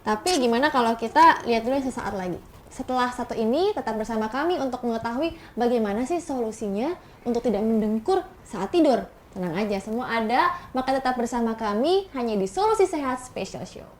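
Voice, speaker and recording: A woman's voice: fairly high pitch, expressive, a little fast, a little mellow, a little hiss or hum. A woman hosting an infomercial health talk show in a chatty, reactive way, addressing viewers.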